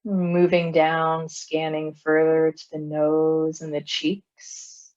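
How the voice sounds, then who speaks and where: In a low, soothing, monotone voice with a darkish tone, a meditation teacher guides a body scan. She moves very slowly, leaving long pauses between short phrases. The recording comes across as somewhat dull and muffled.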